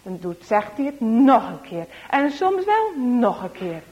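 Woman storyteller for kids: slow, fairly high voice, expressive, with whispered suspense. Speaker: storyteller for children. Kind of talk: children's story read-aloud.

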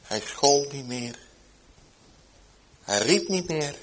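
A man preaching, telling a story from his ministry with emphatic swings between loud declarations and hushed tones. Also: medium pitch, animated, slow pace, heavy background noise. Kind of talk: sermon anecdote.

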